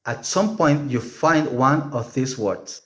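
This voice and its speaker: A man giving a scripted pronunciation lesson as a teacher, measured and carefully enunciating example words with rolled Rs. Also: mid-range voice, a bit bright. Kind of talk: scripted instructional narration.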